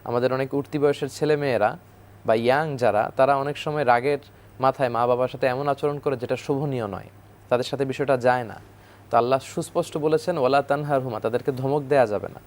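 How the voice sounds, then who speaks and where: A man calmly giving a religious talk in a measured way. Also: medium pitch. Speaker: Islamic speaker.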